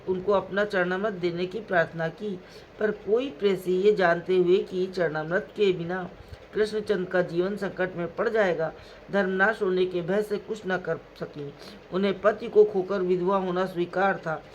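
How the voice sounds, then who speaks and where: A man narrating a devotional story in measured tones, reciting scripture verses in a chanting lilt, on a dull lo-fi recording. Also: high voice. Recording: dull lo-fi recording, faint hiss.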